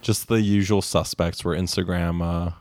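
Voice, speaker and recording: A man's voice: deep voice, flat delivery, moderate pace, a little mellow, no room sound. A man co-hosting a podcast, making snarky, gossipy remarks and laughing often. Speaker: podcast co-host. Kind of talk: casual gossipy chat.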